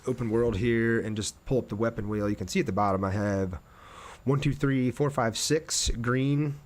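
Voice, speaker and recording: Speaking at a normal speed and medium pitch, this man streams a game and chats with his viewers in a relaxed, laid-back way while he plays.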